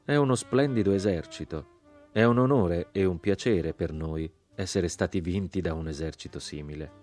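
A man's voice: low voice, moderate pace, a little mellow, faint music behind. A man reading the lines of a polite, good-humoured American colonel in an audiobook. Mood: courteous.

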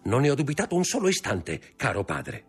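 A man's voice: mid-range voice, wildly swooping pitch, a little fast, voice pushed up. A man voicing a sly, eager young schemer.

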